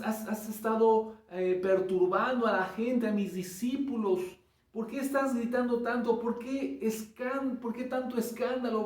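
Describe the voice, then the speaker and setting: Brief: Jesus, gentle and patient, asks questions softly, put on by a male preacher, higher voice, echoey. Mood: questioning. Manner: gently questioning, then inviting. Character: Jesus, a kind and patient man. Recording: echoey room, mic from far off.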